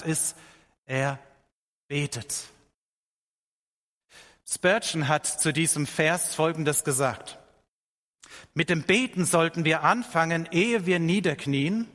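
A middle-aged man preaching a sermon. He speaks earnestly, slows down to stress his points and lifts his voice when quoting scripture. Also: on the high side, fairly bright tone. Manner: earnest, slows down for emphasis, quotes scripture with rising voice. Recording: long hall reverb.

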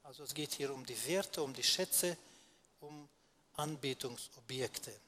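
A man's voice: mid-range voice, a little slow, bright, forceful tone. A man teaching in a sermon, explaining step by step and answering his own rhetorical questions, with frequent hesitations.

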